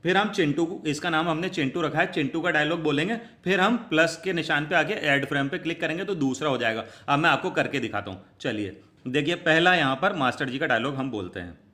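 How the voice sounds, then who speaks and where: A man's voice: on the high side, brisk, pushed and bright. A man giving a step-by-step screen tutorial, talking his viewers through each click and calling them friends. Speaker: tutorial host.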